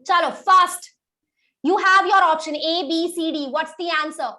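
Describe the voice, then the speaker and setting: A woman speaking with an Indian accent briskly urges children along in an online maths lesson, dropping Hindi interjections here and there. She has a very high, bright voice with a forceful tone.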